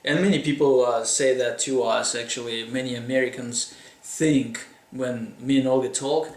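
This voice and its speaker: A man's voice: mid-range voice, fairly even intonation, moderate pace, recorded from a distance. A man from Russia with a Russian accent, casually interviewing a friend and often restarting his sentences. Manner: hesitant, lots of fillers and restarts. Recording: echoey room.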